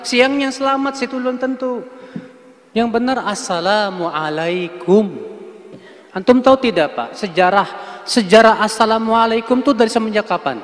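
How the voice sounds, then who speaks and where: A man preaching a sermon to a congregation, often addressing them as "Pak" and checking in with "ya," and acting out quoted speech with lively swings. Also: high voice. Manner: addresses the audience as Pak and antum, with repeated "ya" checks. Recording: hall with long reverb.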